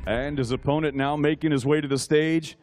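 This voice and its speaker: A middle-aged man announcing formally like a lucha libre ring announcer, with emphatic showman introductions and drawn-out names, speaking into a handheld microphone on an indoor stage. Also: on the high side, steady tone, darkish tone, faint music behind. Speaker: ring announcer, master of ceremonies at a boxing weigh-in. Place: indoor weigh-in stage with backdrop.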